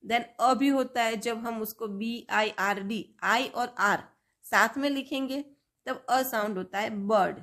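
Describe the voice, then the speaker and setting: A woman's voice: fairly high pitch, fairly bright tone. A woman teaching English phonics, drilling letter sounds and example words one at a time. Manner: slow, drawn-out word-by-word drilling of sounds. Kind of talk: phonics lesson for learners.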